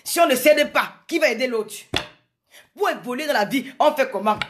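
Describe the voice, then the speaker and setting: A woman from Cameroon livestreams an impassioned monologue to her viewers, repeating phrases for emphasis and greeting commenters by name. Her voice sits high with lively intonation and a moderate pace, over a slight hiss or hum.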